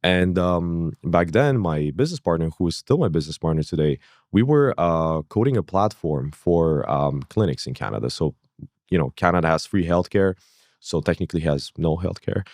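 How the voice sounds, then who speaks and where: A man's voice: low-pitched, lively intonation, moderate pace, darkish tone, no room sound, clean studio sound. A man in his thirties, born in Kazakhstan, telling his story as a podcast guest in a rambling way, full of fillers and acted-out asides. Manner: rambling, fillers, acts out his own past thoughts. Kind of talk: casual interview.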